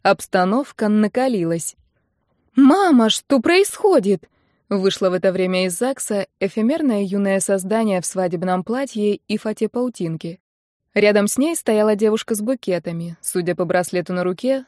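A woman narrating a first-person audiobook in a lively storytelling manner. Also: medium pitch, moderate pace, no room sound. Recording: dry close-miked audiobook.

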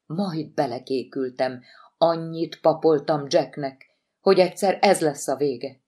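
A woman's voice: low-pitched, a little mellow. A woman voicing a tense, anxious middle-aged woman who runs an institute, in an audiobook. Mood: worried.

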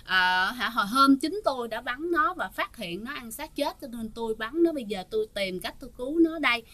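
Older village man, loyal, reassuring, read by a woman, bright tone. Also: extremely high pitch, lively intonation, fairly quick, exaggerated voice. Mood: earnest.

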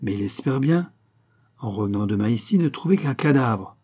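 A man's voice: medium pitch, normal speed, breathy edge. A man voicing a cold, sinister schemer. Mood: commanding. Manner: icy, calm, commanding. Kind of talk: audiobook character reading.

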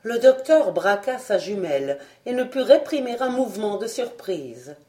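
Woman narrator, audiobook, lively intonation, measured storytelling. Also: mid-range voice. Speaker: audiobook reader. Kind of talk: scripted narration.

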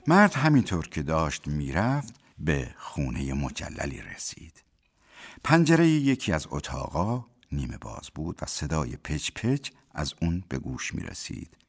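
Deep-voiced male radio storyteller. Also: huge pitch swings, slightly rough. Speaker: narrator. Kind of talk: scripted radio drama narration. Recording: radio narration over music.

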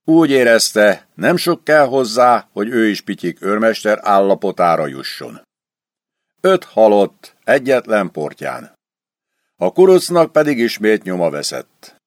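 Expressive male audiobook narrator. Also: fairly low pitch, no echo, clean studio sound. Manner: expressive storytelling reading. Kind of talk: scripted literary narration.

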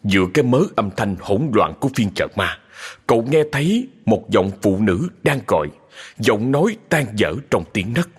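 A man narrating a sad ghost story in a slow, dramatic storytelling manner. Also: lowish voice, big pitch swings, breathy edge. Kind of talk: scripted horror story narration. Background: music.

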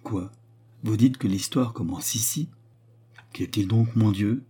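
A man's voice: lowish voice, a little slow, warm tone, breathy edge. A man reading aloud as a troubled king, moving between anxious questions and royal command. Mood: agitated. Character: agitated anxious king of France. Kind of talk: audiobook character reading.

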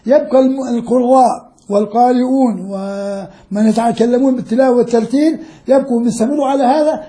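A man's voice: very high voice, dark tone. An older man, a sheikh and professor, lecturing students and repeating key phrases as he explains. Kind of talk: classroom lecture.

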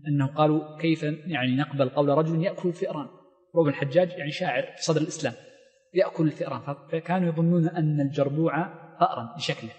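A man teaches a lesson on Islamic law in a quick, slightly high voice. He reads a line from the text and then explains it at length, with plenty of fillers and restarts. His voice carries a long reverb, as if recorded in a large hall or mosque. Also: a little mellow, dull audio. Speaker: Islamic scholar teaching fiqh.

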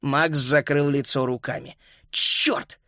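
A man narrating a children's story as an audiobook, lively and voicing each child. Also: a little high, normal speed, no echo, studio quality.

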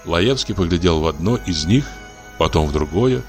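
A man narrating a classic literary audiobook in an expressive, measured reading. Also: deep voice, faint music behind.

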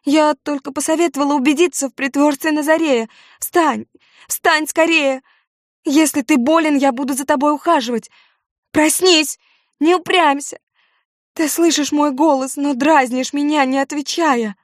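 A woman voicing a proud young beauty, delivered in shrill, impassioned bursts. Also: lively intonation, moderate pace, mellow, no echo, studio quality, lightly acted. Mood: pleading.

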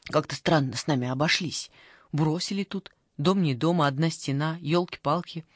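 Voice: normal speed, no echo, clean studio sound, natural voice. A reader voicing a fussy, clingy old grandmother in an audiobook, pleading and fussing in a raised voice. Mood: grumbling. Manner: pleading, fussing, high-pitched outbursts.

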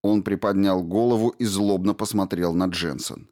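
A man narrating a science fiction audiobook in an even, measured reading. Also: low voice. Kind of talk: scripted narration.

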